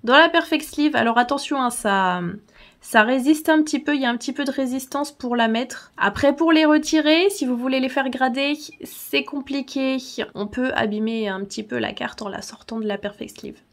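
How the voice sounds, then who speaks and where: Chatty woman with a higher voice. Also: moderate pace. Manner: chatty, laughs often, many fillers. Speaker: channel host. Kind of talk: casual tutorial vlog.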